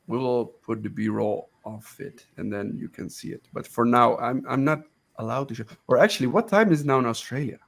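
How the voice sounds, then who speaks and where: A man with a gravelly, creaky voice hosts a casual live stream over a video call. He talks loosely, repeating himself and restarting phrases as he goes, at an ordinary pitch. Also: brisk. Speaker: show host.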